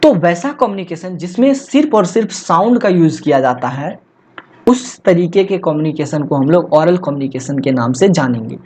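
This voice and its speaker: A male tutor with a mellow, soft-edged voice gives an explanatory online lecture. He keeps asking his listeners questions and then answering them, and he checks in with a frequent "okay". When he reads English passages from the book, he slows down and stumbles over the words. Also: fairly high pitch. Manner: asks rhetorical questions and answers them himself, often says "theek hai"; reads English textbook lines slowly and haltingly. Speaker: exam-prep tutor. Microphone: voice-only recording, face not shown.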